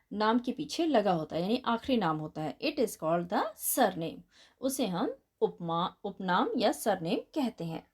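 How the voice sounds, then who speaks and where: Lively Indian woman teacher spelling words aloud. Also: a little high. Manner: addresses children affectionately as 'beta'. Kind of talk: bilingual classroom lesson explaining answers.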